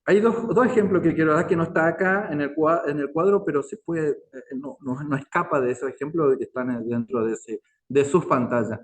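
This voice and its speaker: A man teaching a language class online, patient and repetitive, constantly checking in with his listeners. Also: on the high side. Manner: slow, patient, repeats words and asks "¿no es cierto?".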